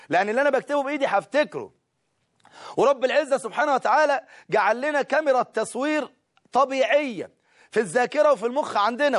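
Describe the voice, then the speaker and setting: A middle-aged man with an Egyptian Arabic accent, a teacher giving study advice to students in a lively way, talking straight to them and often laughing. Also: very high-pitched. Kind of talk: study-skills talk to students.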